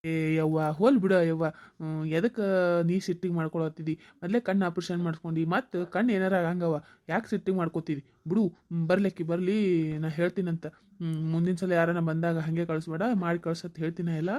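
A woman's voice: fairly low pitch, steady tone, a little fast, mellow, lightly acted. Give me a soothing grown son, voiced by a woman, North Karnataka Kannada accent. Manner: soothing, placating.

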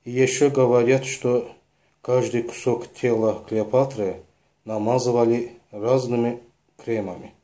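A man slowly narrating a lesson on word sounds, spelling out each sound one by one in a measured, deliberate way. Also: mid-range voice, fairly even intonation, warm tone. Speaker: lecturer on word origins. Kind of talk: slow explanatory narration.

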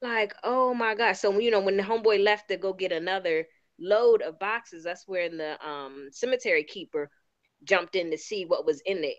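A woman with a Baltimore accent, co-hosting a podcast in casual, animated chat. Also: mid-range voice, normal speed, muffled recording. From Baltimore, USA. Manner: animated, exclaims and voices her own reactions. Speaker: podcast co-host.

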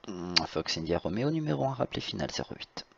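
A man with a lowish, creaky voice works as an air traffic controller, giving halting procedural instructions. The audio is slightly dull, like lo-fi voice chat. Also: big pitch swings. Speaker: tower air traffic controller in online flight simulation. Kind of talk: procedural radio instructions with informal asides.

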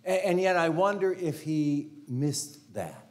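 Slow-paced yet very animated, an older priest with a slightly high, slightly mellow voice shares anecdotes in a conversational homily. He's in a large carpeted sanctuary, walking in front of the altar with a lapel mic, often saying "you know" and quick to laugh.

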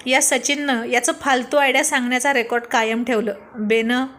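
A quick-witted young man full of teasing comebacks, as a woman reads him aloud. He comes through in a fairly high voice and needles his friends with dry jokes in a spoken love story. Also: level tone, fairly bright tone, close to an everyday voice. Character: witty teasing young man, gang leader.

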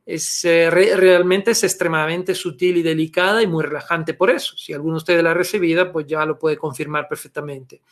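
High-voiced man teaching a webinar. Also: fairly even intonation, fairly quick, few pauses. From Italy. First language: Italian. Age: middle-aged. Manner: patient explanatory, fond of "eh" and "¿ok?" tags. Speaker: therapy instructor. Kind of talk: webinar lecture. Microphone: webcam video call.

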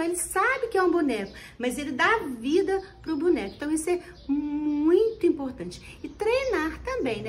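A woman teacher giving tips to other teachers on video, explaining in an animated way and often restarting her phrases. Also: high voice, a little hiss or hum.

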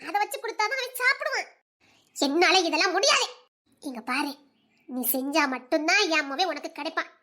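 A woman's voice: extremely high pitch, animated, fairly quick, sharp tone, heavily acted. A woman playing a scheming middle-aged mother who gossips scornfully and chuckles as she plots for her son. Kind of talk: audio drama acting.

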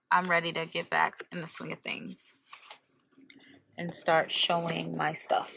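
Here the voice is fairly low, creaky and a bit bright, with slight background noise. It belongs to a woman in her thirties vlogging casually to an arm's-length camera from a car's passenger seat. She often corrects herself as she goes.

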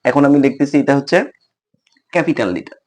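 A man's voice: mid-range voice, fast, darkish tone. A man teaching the alphabet and its correct pronunciation, repeating each point and quizzing the viewer. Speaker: tutor. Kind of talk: classroom lesson.

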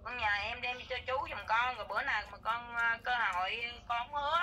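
A woman's voice: fairly high pitch, a little fast, sharp tone, a little hiss or hum, poor audio. A woman, talking eagerly and effusively, often repeating herself. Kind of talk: casual conversation.

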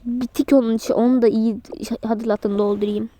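A woman's voice: fairly high pitch, fairly even intonation, fairly quick, dark tone. Woman voicing a playful toy role-play. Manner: switches between character voices in playful dialogue. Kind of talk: casual role-play voicing several characters.

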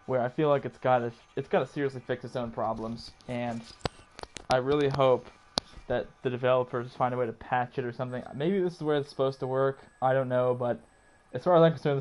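A man hosting his own gaming channel, talking through a playthrough in casual commentary, muttering to himself and then yelling and cursing in frustration. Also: mid-range voice. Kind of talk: casual let's play commentary.

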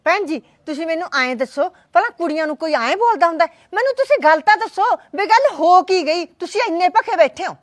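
An actress playing a middle-aged mother of the household in a Punjabi short drama, pleading and placating in a gentle way. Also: extremely high pitch, animated, fairly quick, few pauses, no echo, studio quality.

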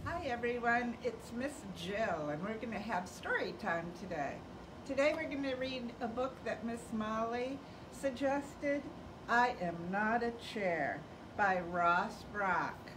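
A cheerful woman librarian hosts a children's storytime, singing and reading aloud at a slow, unhurried pace. Her voice rides high and lively. The sound is distant from the mic, with clear background noise. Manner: cheerful, sing-song, addressing children.

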